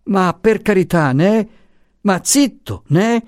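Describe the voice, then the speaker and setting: A man's voice: sits high, lively intonation, takes it slowly, darkish tone, no echo, clean studio sound, pitched above the performer's own voice. A man voicing a timid, kindly male professor who pleads anxiously and repeats himself. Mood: frightened.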